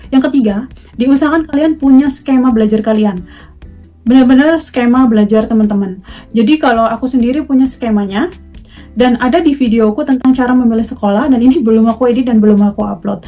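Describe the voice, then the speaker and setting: A young woman from Indonesia chatting casually to her viewers as a vlogger, mixing in English words and pausing often on fillers. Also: fairly high pitch, dark tone, faint music behind. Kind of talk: casual talk to camera.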